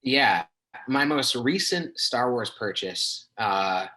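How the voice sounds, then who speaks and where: A man's voice: mid-range voice, animated, slow, sharp tone, rough recording. A young man in casual podcast chat who tells stories in a chatty way and laughs as he talks. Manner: chatty storyteller, laughs while talking. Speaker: podcast co-host.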